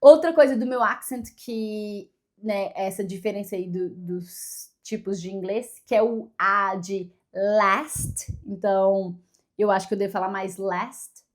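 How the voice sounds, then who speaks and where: A woman's voice: medium pitch, steady tone, unhurried. A young adult woman from Brazil, a native Portuguese speaker, chatting to camera in a casual vlog, self-deprecating and full of fillers and restarts. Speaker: vlogger.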